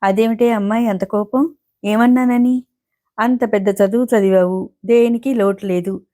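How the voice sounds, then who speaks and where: A woman reads the part of a meddling older aunt in a storybook, fussing and scolding a younger woman. Her voice stays mellow and warm. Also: on the high side, steady tone, moderate pace, natural voice.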